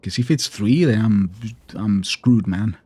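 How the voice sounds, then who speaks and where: Unhurried and a little mellow, a man with a fairly low voice provides casual let's play commentary. As a gameplay streamer, he chats to himself and argues with the boss in front of him.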